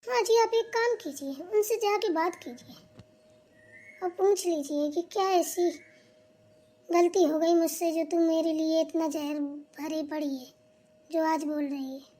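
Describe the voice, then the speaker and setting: A scheming young daughter-in-law from a cartoon comedy plays sweet and worried, then gloats in sly asides, voiced by a woman. Her voice is very high and squeaky. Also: steady tone, unhurried, warm tone. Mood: fake sympathy.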